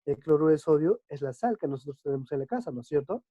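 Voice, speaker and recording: A male chemistry teacher explaining a lesson patiently, often checking understanding with quick tag questions. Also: on the high side, lively intonation, dark tone, no room sound. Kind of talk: online class explanation. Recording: dull dry lo-fi recording.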